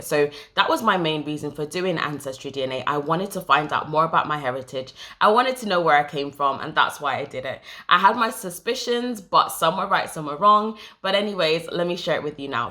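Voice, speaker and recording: Low bright-voiced woman vlogging. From Jamaica. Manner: chatty, reads from notes, explains step by step. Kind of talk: casual talk to camera.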